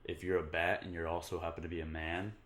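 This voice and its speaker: A young man in casual chat, telling a ghost story with joking, deadpan asides. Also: low-pitched, quick pace. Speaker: co-host.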